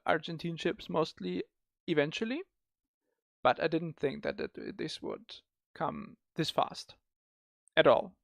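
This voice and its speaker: A man's voice: a little high, gravelly, no room sound, studio quality. A man hosting a casual gaming discussion, often breaking off and restarting his words. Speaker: podcast host.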